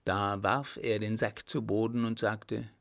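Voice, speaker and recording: Male audiobook narrator, gravelly, very slow, measured reading. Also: lowish voice. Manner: measured, steady storytelling.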